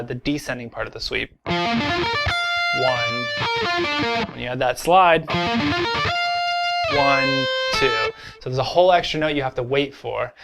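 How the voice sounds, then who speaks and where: A man giving a casual guitar lesson, talking through technique at an easy pace with lots of small fillers. His voice sits at an ordinary pitch. Faint guitar playing fills the gaps between his phrases. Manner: relaxed, explains step by step with many fillers; counts beats aloud while playing. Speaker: guitar teacher. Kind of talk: casual instructional explanation. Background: electric guitar playing.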